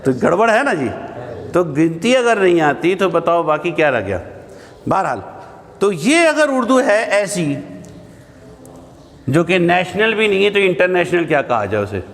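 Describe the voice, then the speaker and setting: A man's voice: sits high, big pitch swings, pauses often. A man teaching an Arabic grammar class in a mosque hall, lecturing in a conversational way, asking rhetorical questions and checking in with his listeners. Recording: long hall reverb.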